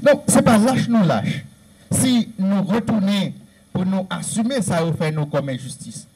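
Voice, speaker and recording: A man's voice: sits high, expressive, unhurried, darkish tone, slightly rough, low-quality recording. Earnest man with a Haitian Creole accent. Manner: earnest, repetitive, emphatic listing. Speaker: speaker on Haitian history. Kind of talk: lecture-style talk.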